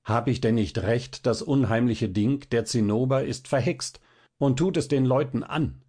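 A man's voice: medium pitch, measured pace, darkish tone, natural voice. A man voicing an earnest young student who speaks with astonished concern. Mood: brooding.

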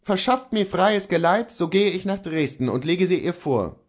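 Casting: male reader doing a proud outlaw horse dealer, pitched well up, insistent and earnest. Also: expressive, moderate pace. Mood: defiant earnest.

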